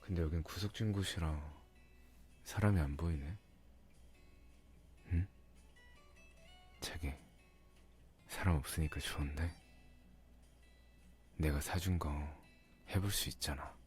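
Very deep, slow boyfriend in ASMR role-play, acted by a man. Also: darkish tone. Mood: doting, tender. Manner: intimate, coaxing, teasing. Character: teasing, doting, playful young boyfriend on a date. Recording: music behind the voice.

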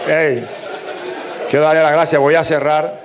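A middle-aged man with a Colombian Caribbean coast accent, doing a crude, profane stand-up routine with loud bursts. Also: a little high, little pitch movement, measured pace, a crowd in the background. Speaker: stand-up comedian. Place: nightclub stage.

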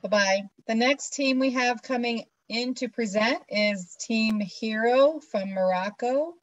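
A woman moderating an online competition, announcing teams and counting down slowly and steadily. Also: on the high side, no echo. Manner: slow, measured announcing. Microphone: video call. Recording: dull, dry video call audio.

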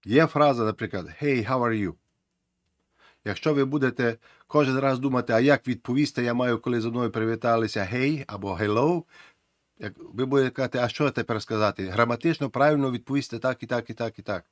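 A man's voice: mid-range voice, quick pace, dry recording. Guy teaching a lesson, earnest, keeps repeating stuff, dry sound. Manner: earnest, encouraging, repeats key phrases. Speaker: English teacher.

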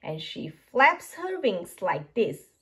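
A woman voicing a kindly, patient father pig in a children's storybook, in a slightly lowered, calm explaining tone. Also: slow pace, breathy edge, full character voice. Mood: jolly. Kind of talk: children's storybook read-aloud.

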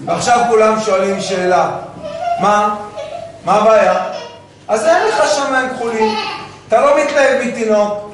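A man giving an animated sermon as a rabbi, firing rhetorical questions and acting out little dialogues. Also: very high-pitched, background noise. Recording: very echoey room, voice from far off.

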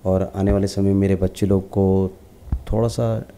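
A middle-aged man telling stories in an interview, lively, and acting out the lines of the people he quotes. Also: low-pitched, normal speed, slight background noise. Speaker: celebrity lookalike actor interviewee. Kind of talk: casual storytelling interview.

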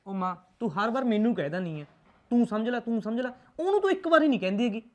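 A man's voice: extremely high pitch, lively intonation, quick pace. An actor playing a hot-tempered young husband who argues defensively with his mother. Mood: resentful. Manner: resentful, argumentative. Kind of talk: film drama dialogue.

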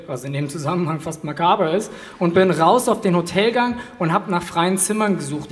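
Deadpan young man on a slam stage. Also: high voice. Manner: deadpan storytelling with punchlines. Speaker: poetry slam performer. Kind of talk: performed comic poetry. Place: stage in a hall. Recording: echoey hall with faint noise.

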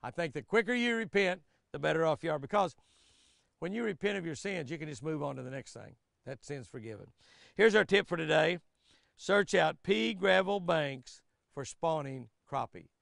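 Gravelly older man. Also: fairly high pitch, moderate pace, no room sound, clean studio sound. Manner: folksy, chatty, lively, laughs often. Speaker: devotional host and fishing guide. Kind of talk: folksy daily devotional reading. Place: outdoors by a flowering tree.

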